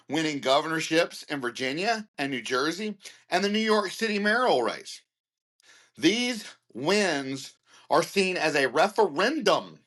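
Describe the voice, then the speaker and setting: A man hosting a news commentary show, reading headlines and breaking into animated, emphatic opinionated asides. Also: a little high. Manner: animated, ranting asides between read headlines; excitable, gets worked up and emphatic.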